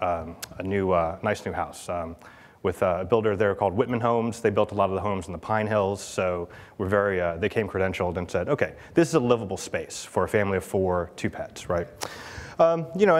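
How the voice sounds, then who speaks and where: A man speaking at a conference, chatty and full of fillers, often checking in with the audience. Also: on the low side. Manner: chatty, asks the audience questions, many fillers. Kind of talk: conference keynote talk. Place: large conference hall. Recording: long hall reverb.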